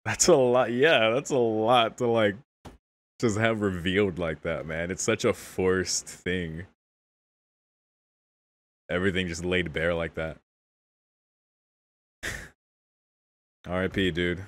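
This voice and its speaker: A man's voice: low-pitched, steady tone, takes it slowly, long pauses. A young man hosting a casual anime reaction, exclaiming candidly, often laughing and swearing. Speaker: anime reaction channel host.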